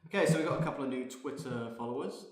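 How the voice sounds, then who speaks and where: A man co-hosting a gaming podcast who tells his stories fast and animatedly. His voice sits in a middle register. The sound carries heavy room echo. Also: mid-range voice. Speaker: podcast co-host. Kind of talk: casual gaming chat. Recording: very echoey room.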